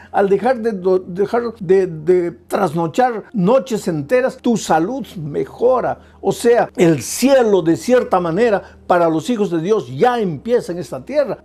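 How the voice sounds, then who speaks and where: High-voiced, mellow male pastor preaching. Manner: emphatic, repetitive preaching with rhetorical questions. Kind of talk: sermon.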